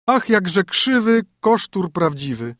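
A man's voice: sits high, sing-song, slow, fairly bright tone, dry recording, clean studio sound, voice pushed up, exaggerated voice. A man playing a haughty, mocking young princess. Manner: sing-song, scornful rhyming.

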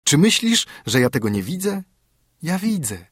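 Brief: man playing a tender, eager little girl, high and quick, husky grain, dry close sound. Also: sing-song, no room sound. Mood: earnest. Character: sweet excited little girl gifting her doll.

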